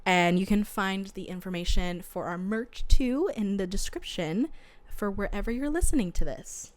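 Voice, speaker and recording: A woman's voice: mid-range voice, moderate pace. A young woman co-hosting a casual book podcast, chatting in a bubbly, giggly sorority-girl manner. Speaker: podcast co-host.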